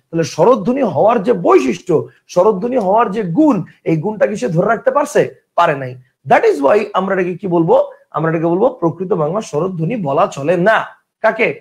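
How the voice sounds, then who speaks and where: High-pitched gravelly male teacher. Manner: repeats questions, checks understanding often; reads out viewer comments and replies. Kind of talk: online Bengali grammar class.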